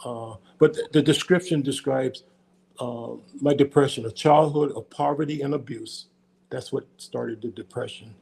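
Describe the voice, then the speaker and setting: Gravelly older man, rambling interview guest. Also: medium pitch, steady tone, normal speed, a little mellow. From United States. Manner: rambling, repeats and restarts words. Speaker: podcast guest. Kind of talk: casual interview chat.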